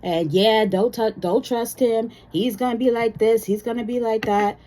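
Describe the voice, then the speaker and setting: Woman playing a gossiping friend, pushy, bitter, emphatic, a bit higher pitch. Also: fairly even intonation, normal speed, warm tone, a little hiss or hum, natural voice. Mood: warning. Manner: emphatic, warning.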